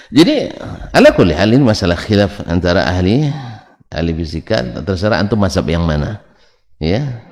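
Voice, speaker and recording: A man's voice: on the low side, darkish tone. A man giving a religious lesson, joking and teasing his listeners with rhetorical questions. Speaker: Islamic religious teacher. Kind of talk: religious lecture with banter. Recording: long hall reverb.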